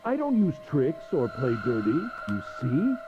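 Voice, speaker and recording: A woman's voice: a bass voice, wildly swooping pitch, measured pace, dull audio, over music, voice pushed down, exaggerated voice. A woman voicing a smug, cruel middle-aged man villain in a pompous, mocking way while reading a visual novel aloud.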